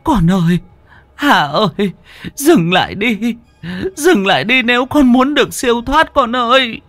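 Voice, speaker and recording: Guy doing a tearful old granny, wailing high and shaky, music faint behind. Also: expressive, a little slow, fairly bright tone, dry recording, exaggerated voice. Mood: pleading. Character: grieving old village grandmother pleading with ghost.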